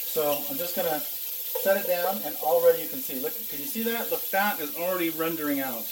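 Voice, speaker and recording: Male home-cooking host, chatty and folksy, slightly high voice, roomy sound away from the mic. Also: brisk, noisy background. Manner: chatty, folksy, addresses viewers directly. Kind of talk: casual taste-test and cooking demonstration. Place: indoors in a kitchen. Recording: roomy echo, distant microphone.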